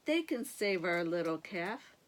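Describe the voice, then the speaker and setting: A woman's voice: lowish voice, big pitch swings, unhurried, voice pushed down. A woman voicing an alarmed male farmer in a storybook, exclaiming urgently as he calls for help. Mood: worried, urgent.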